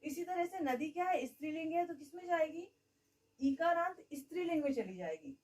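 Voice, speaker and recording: A woman's voice: very high voice, lively intonation, brisk, darkish tone, distant mic, low-quality recording. A woman teaching a grammar lesson. She keeps asking the class questions and answering them herself, and she says "okay" often.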